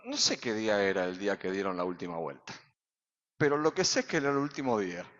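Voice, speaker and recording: A man with an Argentine accent, a pastor preaching a sermon in a church, full of rhetorical questions and sudden shouts. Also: on the low side, sing-song, fast talker. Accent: Argentine Spanish. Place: church sanctuary. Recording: reverberant hall, dull sound.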